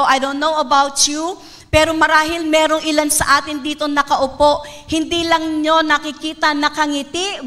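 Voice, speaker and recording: Bright, high-voiced Filipina preacher. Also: female voice. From Philippines. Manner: emphatic, calls for amens, draws out key words. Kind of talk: sermon mixing Filipino and English.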